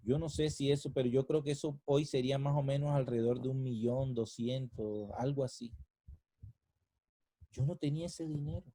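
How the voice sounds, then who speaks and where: A man, preaching a sermon and telling his own story, swinging from soft, hushed lines to loud, impassioned peaks. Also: medium pitch, normal speed, dry recording, poor audio. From Colombia. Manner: emotional, rising to near-shouting at climaxes then dropping soft. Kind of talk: sermon with personal testimony.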